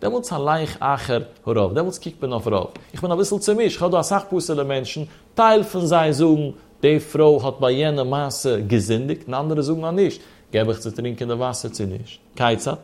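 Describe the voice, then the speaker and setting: A man giving a traditional study-hall Talmud lesson at an ordinary middle pitch. He chants in a sing-song, swinging up high and then sinking low. He talks it through aloud, posing questions and answering them himself. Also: expressive, normal speed, a little mellow. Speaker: Talmud teacher.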